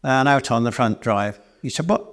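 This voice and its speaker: Brief: male cabaret storyteller, mid-pitched, meandering self-deprecating stage yarn, live in a church. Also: moderate pace, a bit bright. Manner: rambling and self-deprecating, with many restarts. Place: church hall, live performance.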